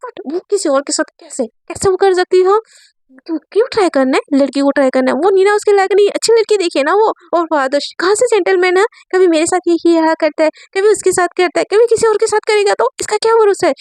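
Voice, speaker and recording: A woman's voice: very high voice, racing, no echo, voice pushed up. A woman doing a jealous, hot-tempered young woman. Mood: jealous, angry.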